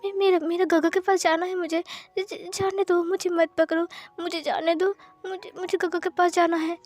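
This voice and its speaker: A woman's voice: very high-pitched, fairly even intonation, measured pace, voice pushed up. A woman voicing a frightened, tearful young man who stammers and pleads, in a fan-fiction story reading. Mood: frightened, pleading. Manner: stammering, pleading, breaks off mid-word.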